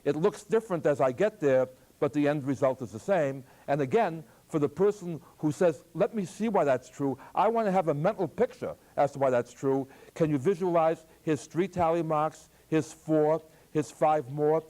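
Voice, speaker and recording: Older guy math prof teaching algebra to a class, kinda high voice, jokes around. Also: moderate pace, hardly any pauses. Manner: lively, jokey, plays with voice inflection. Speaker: math professor. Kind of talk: classroom lecture. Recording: archival taped lecture.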